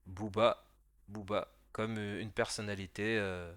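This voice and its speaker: A low-pitched man gives a patient beginner lesson, walking the listener through each step and often checking they follow. His voice is recorded dry and close, with no room sound. He slows down to sound out syllables for repetition. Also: steady tone, fairly bright tone, no room sound. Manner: patient, explains slowly, often checks with "d'accord?"; spells out sounds slowly for repetition. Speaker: teacher. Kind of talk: beginner language lesson voice-over.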